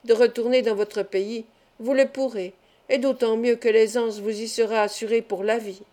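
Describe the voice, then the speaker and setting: A woman reading an audiobook, voicing a kind, serious middle-aged male doctor who speaks calmly and in a measured way. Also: a little high, natural voice. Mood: reassuring.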